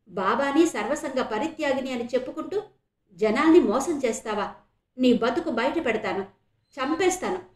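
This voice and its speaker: Young heroine, voiced by a woman narrator, shrill shouting, high-pitched, roomy echo. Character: proud young educated woman, fierce when cornered.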